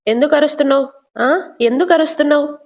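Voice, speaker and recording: A woman voicing a sharp-tongued older aunt who taunts and accuses in a scornful way. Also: high voice, fast talker, pitched above the performer's own voice.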